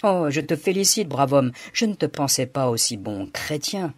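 A man's voice: on the high side, very animated, normal speed, no room sound, pitched above the performer's own voice. A man voicing a zealous, fearful friar who talks in a strained, pleading way. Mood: anxious.

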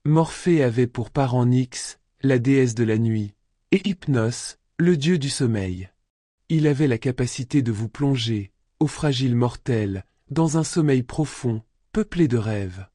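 A man narrating a scripted radio story in a soft, intimate manner, addressing the listener directly. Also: mid-range voice, animated, measured pace, no echo, studio quality.

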